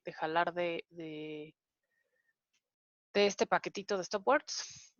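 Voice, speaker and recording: A woman's voice: fairly low pitch, fairly bright tone, no room sound, highs cut off. A woman teaching a programming lesson, explaining step by step with frequent hesitant fillers. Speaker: programming instructor. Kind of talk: online coding lesson walkthrough.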